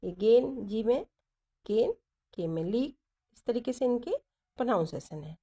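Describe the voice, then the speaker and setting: A woman teaching shorthand, going through each letter slowly and repeating the strokes as she writes them. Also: a little high, animated, mellow. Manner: deliberate, repeats letters and directions while writing. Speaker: stenography teacher. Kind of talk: slow step-by-step lesson explaining shorthand strokes.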